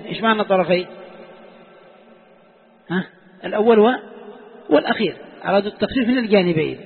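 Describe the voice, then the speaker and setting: High-voiced male teacher, tinny hall sound. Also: a little hiss or hum. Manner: questioning students, repeating key words. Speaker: teacher of Quranic exegesis. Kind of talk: classroom lesson. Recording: phone-like sound with long hall reverb.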